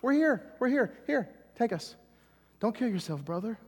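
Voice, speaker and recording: A preacher doing a frantic, pleading apostle. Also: male voice, very high voice, very animated, normal speed, a little mellow, husky, in a large hall, voice pushed up, heavily acted. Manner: panicked, pleading.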